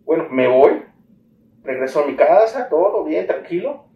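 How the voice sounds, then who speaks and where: In an interview, a man with a Mexican accent tells a personal story with animation, acting out conversations he remembers. His voice is a little high at a moderate pace, and the dull audio carries a slight hiss or hum, roomy echo, a distant mic, and faint ambience.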